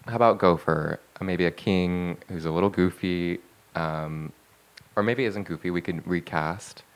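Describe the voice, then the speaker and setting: A man's voice: sits low, a little slow, smooth. A man co-hosting a podcast in casual chat, rambling and chatty with lots of fillers. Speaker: podcast co-host.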